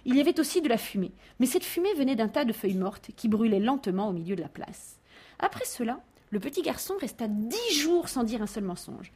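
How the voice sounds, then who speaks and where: A woman reading a children's tale aloud, with expressive, animated narration. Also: fairly high pitch, fairly quick, breathy edge. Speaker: storyteller.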